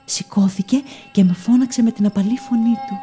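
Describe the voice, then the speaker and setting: A woman giving first-person scripted story narration in a soft, measured, dreamy way. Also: on the high side, over music.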